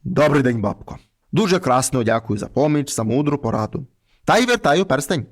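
A man's voice: medium pitch, sing-song, brisk, pitched below the performer's own voice. A man voicing a polite, earnest young shepherd lad in a read-aloud fairy tale.

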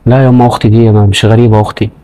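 A man's voice: lowish voice, level tone, very fast, warm tone, natural voice. A man voicing an upright young man who speaks with an Egyptian accent, indignant and outraged. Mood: subdued. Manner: indignant, outraged, then subdued. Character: upright young man, loyal to his brother. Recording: roomy echo.

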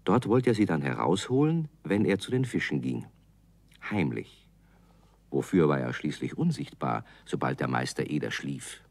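Male narrator, deep voice, lively intonation, calm storybook reading, dry studio sound. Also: moderate pace, creaky, dry recording.

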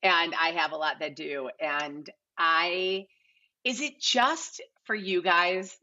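A middle-aged woman, a casting director, chats casually as a podcast guest, sprinkling her talk with "like" and "you know." Her lowish voice moves slowly and sounds pushed and bright. She's indoors in a large living room at home, on a video call with no close mic visible, and the audio is slightly dull.

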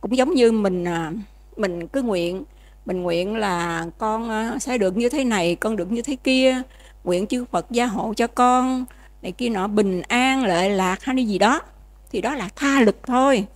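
Nun giving a casual dharma talk. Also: female voice, a little high, measured pace. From Vietnam. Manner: conversational, asks listeners checking questions. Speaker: Buddhist nun teaching. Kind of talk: dharma lecture.

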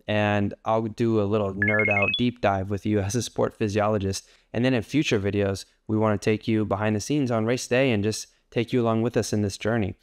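A man's voice: on the low side, steady tone, brisk, few pauses, clean tone. A man in his thirties, a coach narrating a vlog in an earnest, methodical, technical explaining manner. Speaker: running coach and sport physiologist. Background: background music.

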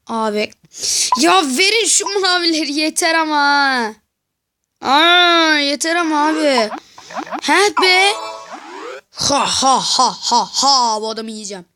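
A woman giving casual game commentary to viewers, excitable and yelling at the game in frustration. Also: sits high, takes it slowly, pauses often. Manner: talks to viewers directly. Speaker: gameplay commentator. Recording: noisy background with mouse clicks.

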